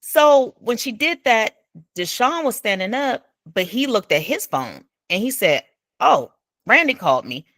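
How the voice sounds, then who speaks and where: Animated woman telling a story. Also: measured pace, no room sound, studio quality. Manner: animated, acts out quoted speech with big pitch jumps; informal speech with dropped verb endings. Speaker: storyteller recounting an incident. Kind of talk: casual retelling.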